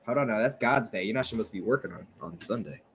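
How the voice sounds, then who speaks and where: A man with a lowish voice talks fast and expressively, with a slight hiss or hum on the recording. He's an American co-host of a casual podcast chat, recording remotely from home on a home podcast mic, joking often, laughing easily and swearing freely.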